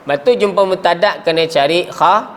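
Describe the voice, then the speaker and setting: A man's voice: high voice, a little fast, a little hiss or hum. A man with a Malaysian Malay accent teaching Arabic grammar in a classroom, often asking the class questions and sometimes breaking off mid-word. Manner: asks the class frequent questions, coughs and trails off mid-word. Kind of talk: classroom lesson.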